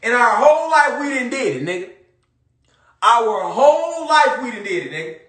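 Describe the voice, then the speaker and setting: A man's voice: very high voice, big pitch swings, normal speed, fairly bright tone. A man talking straight to his listeners in a casual monologue, emphatic and profane, repeating his points again and again. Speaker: social media commentator. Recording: echoey room.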